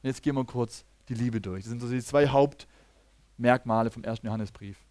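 A man giving a teaching sermon, talking lively, often checking in with listeners and acting out the people he quotes, with frequent restarts. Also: mid-range voice, a little fast, no echo. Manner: restarts sentences and acts out quoted speakers. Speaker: preacher.

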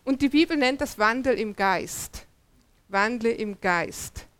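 A woman's voice: a little high, expressive, slow, fairly bright tone. A woman preaching a sermon, asking rhetorical questions and repeating words for emphasis.

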